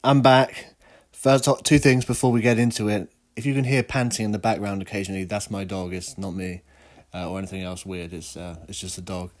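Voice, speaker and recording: Male host, lowish nasal voice, congested, rambling opinionated solo talk. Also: flat delivery, brisk. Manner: opinionated, rambling, frequent ums. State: stuffy, nasal from hay fever. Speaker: podcast host. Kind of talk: casual solo rant.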